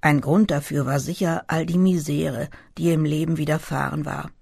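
An audiobook narrator reading a literary novel in a calm, measured storytelling manner. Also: mid-range voice, vocal fry, husky, no room sound, studio quality.

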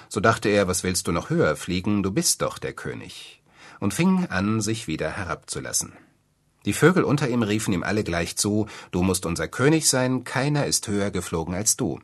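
Deep husky storyteller man. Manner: expressive storytelling. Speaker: narrator. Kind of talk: fairy tale reading.

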